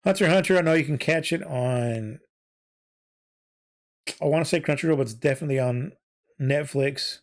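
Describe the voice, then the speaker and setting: A man's voice: fairly high pitch, moderate pace, pauses often. A man hosting a casual solo podcast, rambling with many fillers and self-corrections while he is losing his voice. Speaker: podcast host and VTuber.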